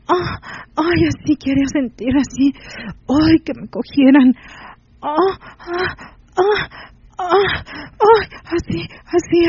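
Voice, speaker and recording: Reader puts on a high, breathy aroused woman, moaning pleas, dull dry audio. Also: darkish tone.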